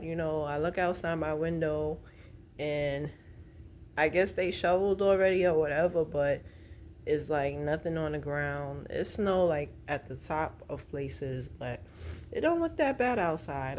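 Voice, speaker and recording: A middle-aged woman vlogger chats casually in a low, slightly mellow voice, informal and meandering in her rambling conversation. Noticeable background noise runs through the recording.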